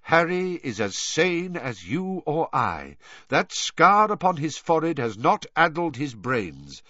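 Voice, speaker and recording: Commanding old Dumbledore, read by a man, lively intonation. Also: on the high side, no echo, highs cut off, voice pushed up, exaggerated voice. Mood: firm. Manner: cool, measured, commanding. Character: calm, authoritative, powerful elderly male wizard.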